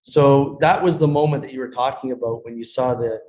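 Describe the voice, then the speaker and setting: A man talking sincerely as a guest, often restarting his sentences. His voice sits at a middling pitch, with a plain video-call sound. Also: steady tone, a little mellow. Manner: earnest, halting, many restarts. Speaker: guest, karate school owner. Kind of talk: casual interview chat.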